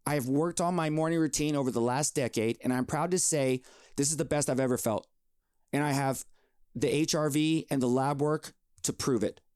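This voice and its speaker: A man's voice: mid-range voice, moderate pace, darkish tone, clear, resonant tone, no echo, clean studio sound. A man in his forties hosting a solo health podcast, talking in an upbeat, emphatic, motivational way. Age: 40s. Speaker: podcast host.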